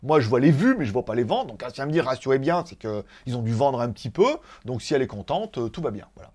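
A man's voice: medium pitch, sing-song, quick pace, dark tone, husky. A man hosting a casual tech news show, rambling through asides and laughing at his own jokes. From France. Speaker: tech YouTuber host.

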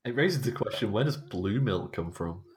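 A man's voice: lowish voice, lively intonation, normal speed, slightly rough. A man co-hosting a casual film chat, easygoing and agreeable. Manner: easygoing, agreeable, laughs along. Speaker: podcast co-host. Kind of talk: casual chat about films.

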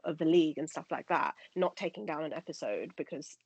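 A woman's voice: low-pitched, animated, a little fast, vocal fry, husky, no echo. A young woman co-hosting a casual podcast discussion, thoughtful, in long winding sentences with fillers. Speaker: podcast co-host.

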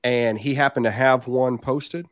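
This podcast guest owns a reptile business and hails from southern Indiana, close to Kentucky, with the accent to match. He chats in a relaxed, open way, his mid-range voice steady and unhurried. The studio sound is clean, with no echo.

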